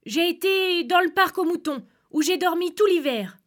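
A woman playing a poor, frightened shepherd in a read-aloud fairy tale, his voice pitched well above her own and pushed loud. He begs and shouts, always anxious. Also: lively intonation, moderate pace. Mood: sheepish. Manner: pleading, crying out.

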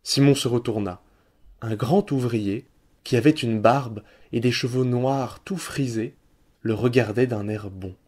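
A male narrator reads a classic tale aloud, measured and expressive. His voice is mellow and dark, with a middle pitch. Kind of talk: literary audiobook reading.

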